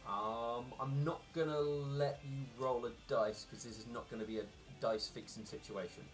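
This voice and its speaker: A man's voice: mid-range voice, steady tone, moderate pace. A man running a tabletop game as game master, talking casually through the rules. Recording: music clearly audible behind the voice.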